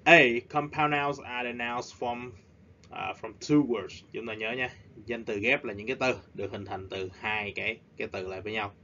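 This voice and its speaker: A male teacher works through a lesson in a steady, mid-pitched voice. He explains in long stretches and then slows right down to drill the key words. The recording is a little dull and lo-fi. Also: a little hiss or hum. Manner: switches between explaining and slow, emphatic drilling. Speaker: English teacher. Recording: slightly dull lo-fi audio.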